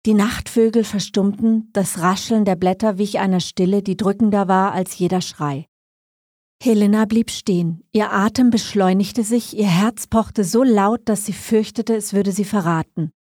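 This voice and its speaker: A woman narrating a scripted story with measured, suspenseful pacing. Her tone is mellow and dark, of middle pitch. The recording is dry and close with no room sound. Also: fairly even intonation, no echo.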